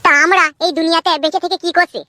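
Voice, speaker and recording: A woman's voice: very high-pitched, little pitch movement, very fast, sharp tone, no room sound, clean studio sound. A woman voicing an uneducated young man who earnestly rambles about the meaning of life in a comedy cartoon.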